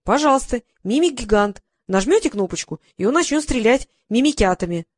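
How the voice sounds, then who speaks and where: A woman's voice: a little high, expressive, a little fast, a little mellow, no echo, clean studio sound. A woman doing a brash, pushy shop girl. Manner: brash, pushy sales talk. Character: pushy young female toy shop saleswoman.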